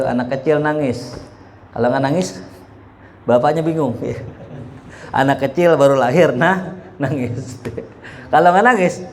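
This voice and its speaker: A young man teaching a religious study lesson, lively, with a habit of saying "ya" between phrases. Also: on the high side, a little hiss or hum.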